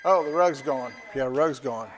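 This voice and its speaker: Repeating prices and phrases in an easygoing, folksy manner, a man runs a live-streamed auction. He speaks unhurriedly in a mid-range voice, while long reverb fills the echoey hall.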